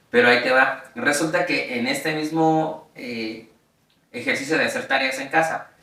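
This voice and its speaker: A man's voice: medium pitch, bright, forceful tone. A man with a Mexican accent, a guest telling stories in a chatty way, laughing often and using many fillers. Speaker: interview guest. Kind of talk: casual storytelling. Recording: roomy sound, mic at a distance.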